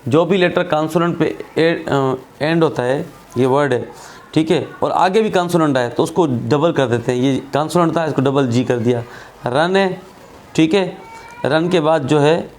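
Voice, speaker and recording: Male tutor, slightly high voice, patient and repetitive, for a recorded spelling lesson. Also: moderate pace, a little mellow. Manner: patient, repeats points, checks in with "theek hai". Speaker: English teacher.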